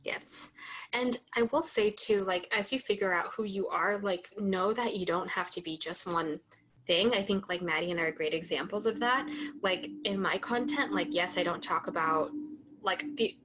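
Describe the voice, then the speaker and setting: A woman's voice: medium pitch, normal speed, a bit bright, slight background noise. A young woman co-hosting a podcast in casual chat, rambling a little and saying "like" often. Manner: chatty, heavy use of "like". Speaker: podcast co-host.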